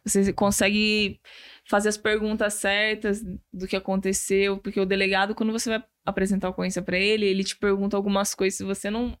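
A woman's voice: mid-range voice, level tone, fast, clean tone. A young adult woman, a police officer and guest, chatting casually and filling her speech with "tipo". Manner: chatty, uses filler like tipo. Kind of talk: casual interview conversation.

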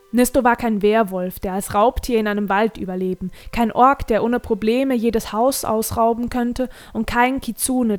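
A woman narrating a fantasy novel in a calm, measured reading voice. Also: fairly high pitch. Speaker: audiobook narrator.

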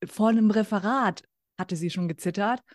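Gushing, excitable woman podcast host. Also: medium pitch, moderate pace, no echo, studio quality. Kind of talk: podcast interview.

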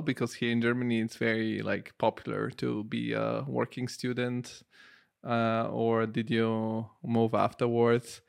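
A man's voice: mid-range voice, gravelly, clean tone. A man hosting an interview in a casual, informal and joking conversational way. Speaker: interview host.

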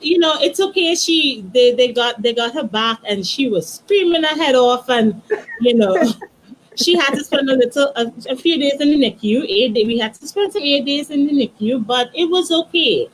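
A woman in her thirties, a guest author, tells her story in a soft, halting way, with many restarts and "you know". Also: on the high side, slight background noise, poor audio. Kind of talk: emotional personal storytelling.

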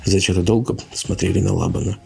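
A man calmly reading a bedtime story aloud as the storyteller. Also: low voice, fast talker, gravelly, husky, faint music behind. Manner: calm, even reading.

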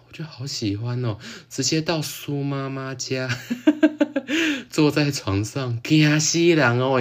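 A man with a Taiwanese Mandarin accent hosting a casual solo podcast chat, excitable, full of exclamations and laughing often. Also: mid-range voice. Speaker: podcast host.

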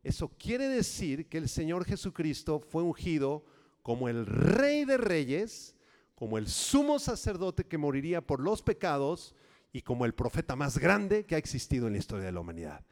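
A man preaching a sermon as a pastor, teaching step by step, and swinging from loud, rousing lines to quiet instructions. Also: fairly high pitch, sing-song, normal speed. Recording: long hall reverb.

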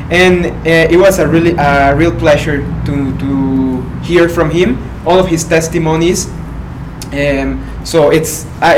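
Hesitant young host, distant and noisy. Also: male voice, a little high. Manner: hesitant, many fillers, soft affirmations. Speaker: podcast host. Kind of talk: podcast interview. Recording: distant mic with clear background noise.

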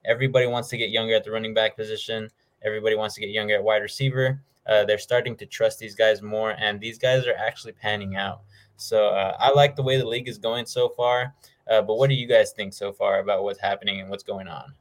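A man's voice: lowish voice, fairly even intonation, quick pace. A man hosting a sports show, talking casually and informally through his game predictions. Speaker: host of a football picks show.

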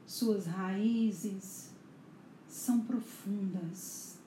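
A woman guides a meditation in a very dark, soft-edged voice. Her delivery is soothing and hushed, as in a spa, and drawn out extremely slowly with long pauses. The recording has a roomy echo around her. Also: mid-range voice. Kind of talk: slow guided meditation narration. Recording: echoey room, faint background noise.

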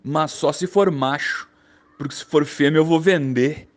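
Man voicing a street boy, twelve, higher voice, shrugging and unbothered. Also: unhurried, natural voice. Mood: matter-of-fact.

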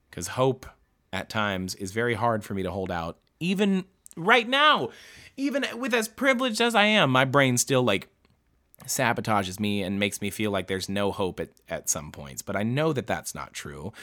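Bright-voiced man in halting, heartfelt commentary. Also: lowish voice. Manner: halting, with many restarts and swearing. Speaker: podcast host reading a true-crime book. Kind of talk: emotional casual commentary.

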